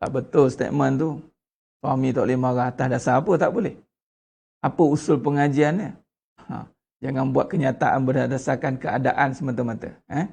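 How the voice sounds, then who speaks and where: A man with a Malaysian Malay accent giving an Islamic study lecture, putting rhetorical questions to the congregation with lively emphasis. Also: medium pitch, normal speed, creaky, slightly rough. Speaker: religious teacher.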